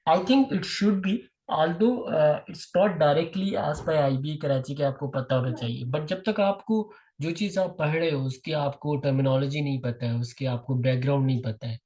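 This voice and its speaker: A young man with a Pakistani accent teaching a test-prep class online. He explains patiently, calls on students by name and reads definitions out slowly. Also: a little high, darkish tone, rough recording.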